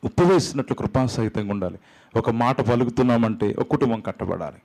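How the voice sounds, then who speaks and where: A man preaching a sermon, animated, acting out quotes with big jumps and drops in pitch, slipping English phrases in. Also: a little fast, low-quality recording. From India. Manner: mixes English phrases into his talk. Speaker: pastor.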